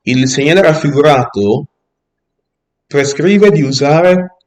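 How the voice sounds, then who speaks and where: A man teaching a driving theory lesson, reading each rule aloud and then explaining it patiently, often checking understanding with a quick "Ok?". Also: fairly high pitch, darkish tone.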